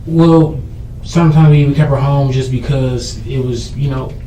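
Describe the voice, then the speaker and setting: A man's voice: medium pitch, steady tone, normal speed, warm tone. A jittery man being questioned by police as a suspect, answering defensively and often repeating and restarting his phrases. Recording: echoey room, distant mic, faint noise.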